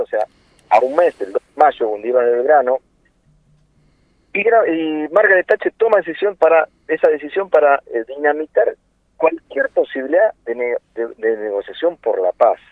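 A man's voice: a little high, sing-song, moderate pace, dry recording. A man around sixty with an Argentine accent, speaking earnestly as a guest in a political interview, with many hesitations and rhetorical questions. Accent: Argentine Spanish. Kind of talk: impassioned political phone interview. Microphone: telephone. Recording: tinny dry phone line.

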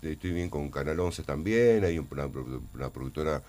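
An Argentine man, an actor in a casual interview, who speaks haltingly and often repeats words while searching for them. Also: a bass voice, expressive, darkish tone. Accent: Argentine Spanish.

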